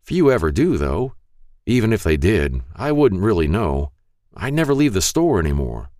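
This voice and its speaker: A man voicing a frail, kindly old male shopkeeper who turns out to be a ghost, talking in a gentle, folksy way. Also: fairly low pitch, very animated, normal speed, no room sound, studio quality, voice pushed up.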